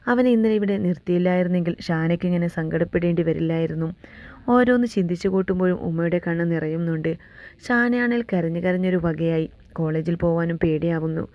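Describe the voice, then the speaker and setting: A woman reading a romantic family story aloud, voicing every character in the same steady narrating voice. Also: fairly low pitch, no echo. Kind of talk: scripted narration of a love story, reading all parts.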